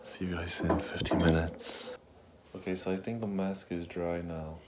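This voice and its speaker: A relaxed man chatting casually to viewers with a face mask on while getting a facial in a spa treatment room. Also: low-pitched, normal speed. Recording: noisy room background.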